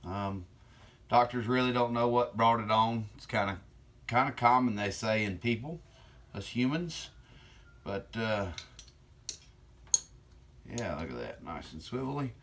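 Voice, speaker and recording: A man's voice: mid-range voice, expressive, measured pace, long pauses, fairly bright tone. A middle-aged man with slightly slurred speech chats casually and unhurriedly while working with his hands in a workshop. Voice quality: slightly slurred from one-sided mouth weakness. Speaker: channel host. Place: cluttered indoor workshop. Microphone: camera on bench a step or two away.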